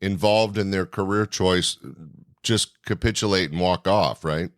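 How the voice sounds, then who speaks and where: A man's voice: low-pitched, unhurried, no room sound, clean studio sound. A man hosting an interview conversationally, reflecting on and summing up what his guest has said. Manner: reflective, summarizes the guest's points. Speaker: interview show host.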